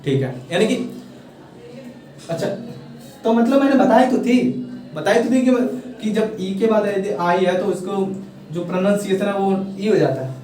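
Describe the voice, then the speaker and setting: A young man with a Hindi accent, an English teacher, gives a casual classroom explanation of a pronunciation lesson, checking often that his students follow. His high voice has a warm tone and moves at a moderate pace with frequent pauses, and he coaxes and encourages, repeating "thik hai" often. The room is echoey and he sounds far off.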